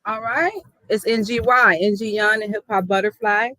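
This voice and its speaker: A woman's voice: mid-range voice, steady tone, normal speed, pushed and bright, dry recording, low-quality recording. A woman from the South Side of Chicago, a hip hop artist telling her story in an earnest, reflective interview.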